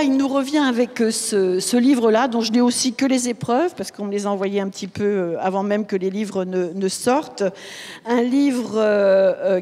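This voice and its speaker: A woman's voice: a little high, mellow. A woman hosting a book festival panel, introducing guests with many hesitations and fillers. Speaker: host. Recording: long hall reverb.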